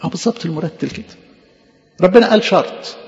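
Egyptian guy giving a sermon, rapid and pleading, raised voice, dull lo-fi sound with long church echo. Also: high voice, a little mellow. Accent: Egyptian Arabic. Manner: impassioned, pleading, repeating phrases for emphasis. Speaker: preacher. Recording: echoey hall, dull lo-fi sound.

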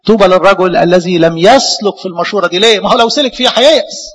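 A man with an Egyptian Arabic accent preaching a sermon as a priest, lively, with many rhetorical questions. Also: sits high, rapid-fire, in a large hall, low-quality recording.

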